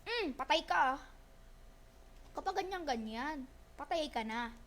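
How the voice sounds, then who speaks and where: Very high-voiced woman gaming. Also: lively intonation, a bit bright, a little hiss or hum. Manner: quick, repetitive callouts, urgent and teasing. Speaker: gamer streaming a shooter match. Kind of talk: casual gameplay chatter with teammates.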